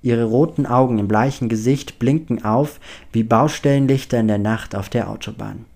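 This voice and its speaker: A man narrating a story in a steady storytelling read. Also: medium pitch, moderate pace, vocal fry. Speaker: audiobook reader. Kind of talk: scripted narration.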